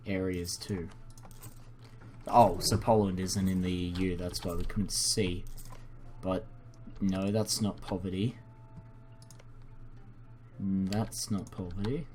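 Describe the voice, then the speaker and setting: There's slight background noise behind this man's fairly low voice. He's a young native English speaker hosting a gaming video at an indoor computer, offering rambling, apologetic, self-deprecating game commentary that is casual and unscripted.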